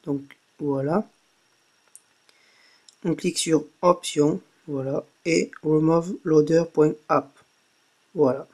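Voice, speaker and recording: A man's voice: fairly high pitch, fairly even intonation, takes it slowly, pauses often, darkish tone. A man narrating a casual tech tutorial, hesitating often with fillers and saying "voilà" after each step. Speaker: tech blogger giving a tutorial.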